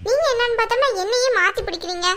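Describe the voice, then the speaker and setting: A woman's voice: extremely high pitch, very fast, fairly bright tone. A woman doing a wronged young daughter-in-law. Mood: aggrieved. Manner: pleading, protesting innocence. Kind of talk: cartoon voice acting.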